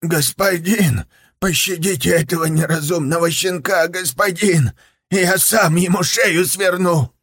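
A man voicing an old fox servant who wails and begs, higher than his own voice. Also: a little slow, a bit bright, husky, no echo, clean studio sound, heavily acted. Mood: begging. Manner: wailing, begging. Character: old fox servant father, desperate, groveling.

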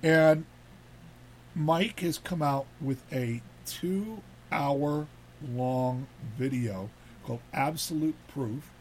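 A man's voice: fairly high pitch, very slow, a little mellow, slight background noise. A man hosting a casual talk show, rambling and repeating words as he talks. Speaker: host.

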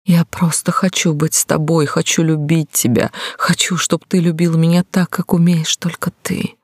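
Reader doing a young heroine, tender, pleading, gravelly edge, dry sound, audiobook. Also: medium pitch, flat delivery, normal speed, dry recording, voice pushed up. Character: devoted young woman, passionate heroine. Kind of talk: audiobook reading.

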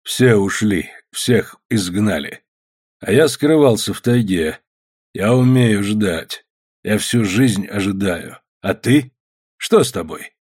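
A man reading aloud and voicing a big, mocking male anarchist who makes slow, drawn-out threats, in a husky voice. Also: fairly low pitch, expressive, darkish tone, heavily acted. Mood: slow menace.

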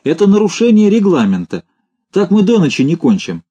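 A man's voice: sits high, huge pitch swings, brisk, warm tone, slightly rough, dull audio, voice pushed up, exaggerated voice. Man doing a whiny, pedantic official Farfurkis. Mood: whining. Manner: whining, tearful protests. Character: pedantic fussy male bureaucrat, whiny and protesting.

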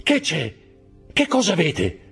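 An earnest young prisoner, acted by a man reading aloud, raised higher and brighter than the narration. He speaks in urgent bursts with a rough, husky edge. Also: very animated, normal speed, faint music behind, full character voice. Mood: alarmed. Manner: urgent, exclamatory. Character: young male prisoner, loyal and passionate.

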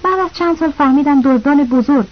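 A woman narrating a novel as an audiobook, reading the characters' lines in her own voice with small shifts. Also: high voice. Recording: slightly dull lo-fi audio.

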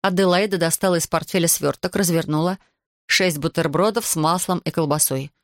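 A woman reading a children's book aloud as narrator, lively and expressive. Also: on the low side, a little fast, dry recording, clean studio sound. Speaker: audiobook narrator.

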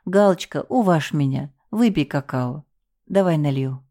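A woman's voice: sits low, lively intonation, unhurried, warm tone, full character voice. A woman voicing a fussing, motherly cook who coos and coaxes a grieving girl. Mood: coaxing. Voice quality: cooing, doting.

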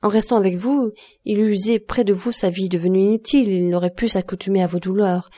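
A woman's voice: medium pitch, fairly even intonation, fast talker, warm tone, natural voice. A woman reading the part of a grave, composed count who speaks solemnly and consolingly in a storybook.

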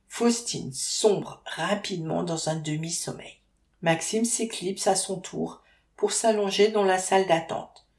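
A woman narrating an audiobook with wry, lively storytelling. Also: lowish voice. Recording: roomy echo.

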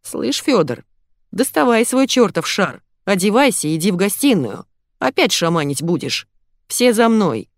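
A woman's voice: medium pitch, very animated, moderate pace, no room sound. Audiobook role: a brusque young man giving orders in a woman's everyday voice, dry and close. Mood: commanding. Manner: commanding, brusque. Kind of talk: audiobook reading.

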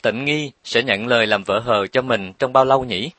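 A man narrating a romance story with steady, expressive storytelling. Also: mid-range voice, moderate pace, no room sound. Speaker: audiobook narrator.

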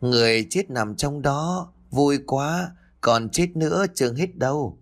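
A man's voice: mid-range voice, measured pace, lightly acted. A man voicing a simple-minded, unhinged young woman who talks in a dreamy, childlike way. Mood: eerily gleeful.

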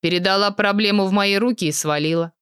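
Woman reader as a sardonic young man, deadpan and mocking, dry sound. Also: medium pitch, fast talker, clean tone, no echo, lightly acted. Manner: dry, sarcastic, understated.

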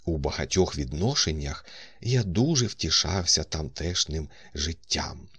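A man narrating an audiobook, telling the story in the first person as a doctor, with a husky voice. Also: extremely low pitch, expressive, measured pace, a bit bright, no room sound. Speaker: audiobook reader. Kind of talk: scripted narration.

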